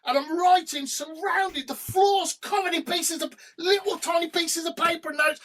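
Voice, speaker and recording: A middle-aged man, a rock singer guest on a podcast, telling animated stories over a remote call. He swears freely and breaks into humming and sung snippets. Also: extremely high pitch, moderate pace, a little hiss or hum. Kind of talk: storytelling in a podcast interview.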